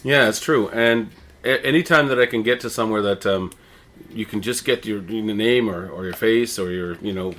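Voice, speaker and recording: A middle-aged Canadian man with a fairly low voice speaks as an interview guest. He talks conversationally, rambling a little and often doubling back on his words. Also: a bit bright. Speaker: interviewee, town crier and visitor services manager.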